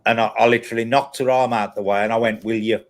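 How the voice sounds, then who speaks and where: A man's voice: mid-range voice, steady tone, fast. A man chatting casually as a live host, telling personal stories in a blunt, repetitive way. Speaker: host of a paranormal live chat.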